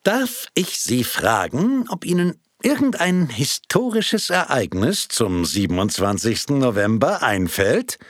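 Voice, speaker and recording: A man's voice: mid-range voice, sing-song, measured pace, few pauses, no room sound, clean studio sound, voice pushed up. A man voicing a jovial, portly male film projectionist who coaxes and calls an audience to order in a raised voice. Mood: pleased. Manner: raised, coaxing, emphatic.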